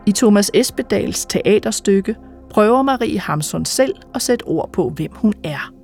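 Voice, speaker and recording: Danish woman, culture reporter; calm scripted narration over faint music. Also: medium pitch.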